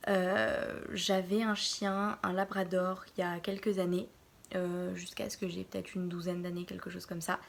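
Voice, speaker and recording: A young woman in her early twenties from Normandy, answering Q&A questions in a casual vlog from her bedroom, pausing often to think. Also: on the low side, flat delivery, creaky. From France, Normandy. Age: early 20s. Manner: hesitant, pauses often to think. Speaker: vlogger.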